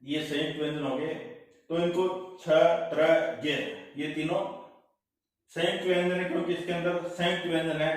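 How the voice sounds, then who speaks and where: Male teacher, slightly high voice, unhurried step-by-step lecture delivery; heavy room echo, mic placed at a distance. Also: level tone. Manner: slow, deliberate, spells out each part. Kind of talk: slow classroom lecture. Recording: echoey room, voice far from mic.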